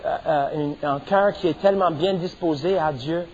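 A man's voice: fairly high pitch, moderate pace, lo-fi sound, slight background noise. A middle-aged man preaching a sermon as pastor, stressing points and punctuating them with amens. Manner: preaching with rising emphasis and repeated amens.

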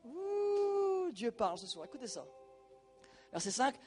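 A male preacher giving a sermon, animated and colloquial, talking straight to the congregation. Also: very high voice, a little slow, music in the background.

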